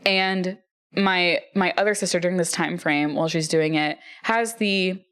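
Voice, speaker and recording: A woman in her thirties co-hosts a podcast in casual chat. Her voice sits fairly low. She tells a family story with strong emphasis, swears freely and laughs often. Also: steady tone, normal speed, a bit bright, clear, resonant tone. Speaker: podcast co-host.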